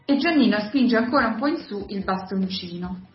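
A woman narrating the stage directions of a radio drama in an even, steady reading. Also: medium pitch, moderate pace. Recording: roomy, slightly dull radio recording, faint music.

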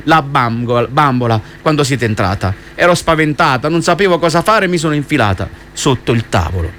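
A man's voice: medium pitch, lively intonation, a little fast, fairly bright tone, close to an everyday voice. A frightened young servant girl pleads for forgiveness, apologetic and tearful, as a male radio host reads her. The reading stays close to his everyday voice. Faint hiss lies behind it. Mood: pleading.

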